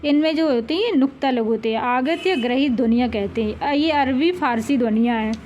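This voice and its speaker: A woman teaching a grammar lesson for exam preparation, repeating each sound and word slowly for her pupils. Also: sits high, a little mellow, muffled recording, a little hiss or hum. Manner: slow, drawn-out repetition of sounds and words for pupils.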